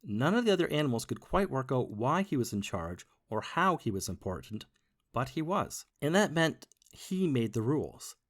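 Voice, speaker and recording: A man reads a children's picture book aloud in the first person, as a bunny. His delivery is playful and expressive, with a widely moving pitch. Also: normal speed. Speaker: narrator. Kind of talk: storybook read-aloud.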